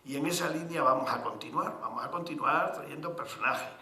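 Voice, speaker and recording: A man moderating a public cultural discussion, speaking formally with pauses from Extremadura. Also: a little high, bright, forceful tone, roomy sound. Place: cultural centre hall.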